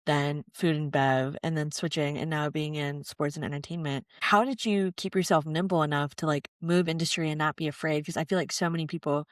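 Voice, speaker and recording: A woman's voice: deep voice, fairly even intonation, a little fast, hardly any pauses, no echo, studio quality. A young adult woman hosting a podcast interview, enthusiastic and chatty, with frequent filler words. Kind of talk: casual interview talk.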